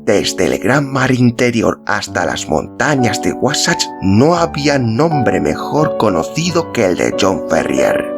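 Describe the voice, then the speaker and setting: Instrumental music sits behind a man whose low-pitched, creaky voice narrates a literary story from a script. He serves as an audiobook-style podcast narrator.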